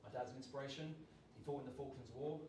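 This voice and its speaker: A man, leading a lively public speaking workshop and raising and dropping his energy on purpose. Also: mid-range voice, fast talker, background noise. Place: large room at a live workshop. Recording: roomy sound, voice from far off.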